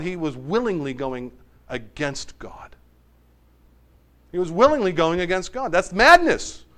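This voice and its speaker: Man, high voice, animated storytelling preacher who acts out the voices. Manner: storytelling, acts out the characters' lines; animated, swings between loud and quiet. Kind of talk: sermon.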